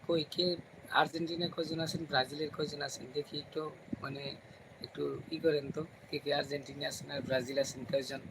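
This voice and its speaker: A man hosting a casual live stream from home at night, speaking quietly so as not to wake the kids and chatting with viewers by name. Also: on the high side, level tone, brisk. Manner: talks softly, kids asleep nearby. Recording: noisy home recording, fan hum.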